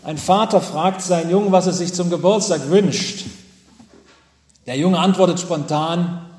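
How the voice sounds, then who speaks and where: A man preaching a sermon from the pulpit to his congregation, telling stories with dramatic pauses and emphatic repetitions. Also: high-pitched, darkish tone. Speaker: pastor. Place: church with pulpit. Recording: echoey church hall.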